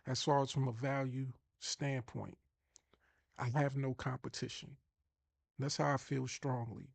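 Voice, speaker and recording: A man's voice: mid-range voice, little pitch movement, a little slow, vocal fry, dry recording. A man with a Long Island New York accent giving an emphatic motivational talk to viewers as an online marketing coach, often restarting and repeating words.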